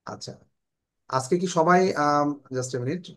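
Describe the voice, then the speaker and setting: Bangladeshi male English teacher, slow modelling. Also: on the high side, smooth. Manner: explains in Bengali, slowly models English phrases. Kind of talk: online English class.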